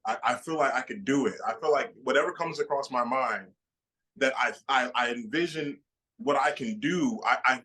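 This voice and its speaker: A man in his late twenties, a bodybuilder guest, answering interview questions in an excited way with many repeated starts. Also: medium pitch, low-quality recording. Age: 20s.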